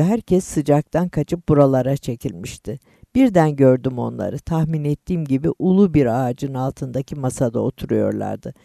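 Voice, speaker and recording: Male narrator in his fifties, measured storytelling, dry, close sound. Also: on the high side, creaky, warm tone, no echo. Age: 50s. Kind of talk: first-person story reading.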